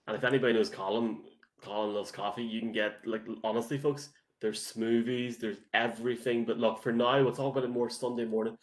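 A man's voice: mid-range voice, steady tone, fairly quick. An Irish man hosting a sports show in a casual, chatty and enthusiastic way.

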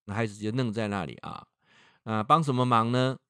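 A man's voice: lowish voice, brisk, fairly bright tone, clear, resonant tone, dry recording, clean studio sound. A man with a Taiwanese Mandarin accent, a professor hosting a livestream talk who tells stories and draws out the particles at the ends of his phrases.

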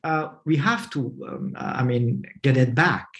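Answering remotely as an interview guest, a man from Afghanistan whose first language isn't English talks slowly and haltingly, with plenty of fillers and restarts. His voice sits at medium pitch with a fairly bright tone.

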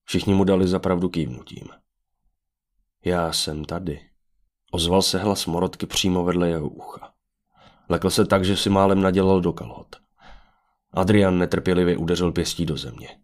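A man narrating a fantasy audiobook with an even storytelling manner. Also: low voice.

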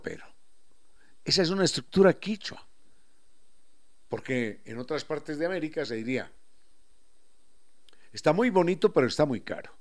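A man with an Ecuadorian highland accent giving a reflective radio talk, explaining things with examples and acting out local turns of phrase. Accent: Ecuadorian highland Spanish.

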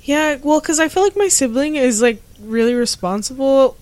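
A woman's voice: high-pitched, lively intonation, a little mellow, no echo. A woman in a casual podcast chat, talking hesitantly with lots of fillers. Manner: hesitant, halting, with many fillers.

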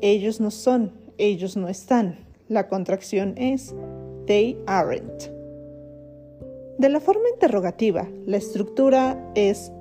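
A woman's voice: on the high side, mellow. A woman teaching English grammar on a podcast, explaining patiently and repeating each phrase. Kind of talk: podcast lesson.

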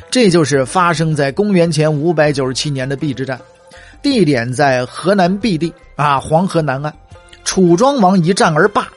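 A man's voice: fairly high pitch, husky. A man, telling history as humorous, chatty storytelling with wry asides.

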